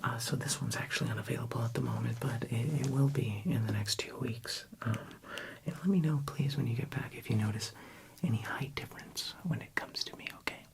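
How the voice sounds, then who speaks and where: Whispering man in a gravelly librarian role-play. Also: mid-range voice, fairly quick. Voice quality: soft, breathy library whisper with gravelly edges. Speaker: ASMR performer playing a friendly librarian.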